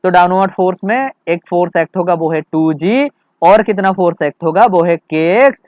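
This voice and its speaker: This man teaches physics by working a problem through, mixing English terms into his Hindi, asking rhetorical questions and repeating checks. High-voiced and darkish, he speaks at a moderate pace with no room sound.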